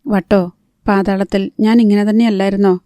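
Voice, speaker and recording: A woman's voice: medium pitch, little pitch movement, brisk, mellow, smooth, no echo, close to an everyday voice. A woman reading the part of an irritable, sarcastic young man who craves a smoke, in a blunt, grumbling way.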